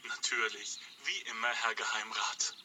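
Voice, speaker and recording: A man's voice: lowish voice, flat delivery, measured pace, very noisy, lightly acted. An actor playing a loyal but self-important secretary and coachman, polite and a bit pompous. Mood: dutiful. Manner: polite, fussy, a little pompous. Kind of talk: radio play for language learners.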